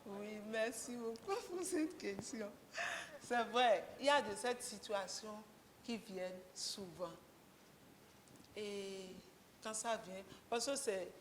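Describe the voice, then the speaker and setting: A woman speaks slowly and candidly, in a gently humorous, conversational way. Her voice carries a long reverb from the event room, and a faint ambience sits underneath. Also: medium pitch, a little hiss or hum. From Benin. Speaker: guest speaker, mechanic and garage co-owner. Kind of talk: candid talk to a breakfast audience.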